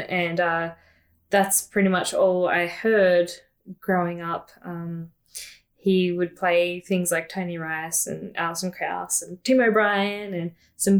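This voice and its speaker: A woman with an Australian accent, a musician telling her story in a casual interview, chatty with frequent ums. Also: fairly low pitch. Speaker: musician guest.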